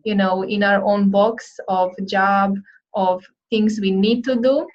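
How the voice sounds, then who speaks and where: A woman's voice: mid-range voice, fairly even intonation, takes it slowly, dull audio. A woman hosting a casual interview, hesitant with many fillers. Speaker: host.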